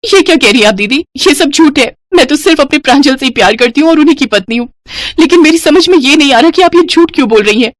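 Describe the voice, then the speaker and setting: A woman voicing a meek, gentle young daughter-in-law in an animated storybook, speaking softly and pleadingly. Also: on the high side, a little fast, no echo, clean studio sound, lightly acted. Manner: soft, pleading.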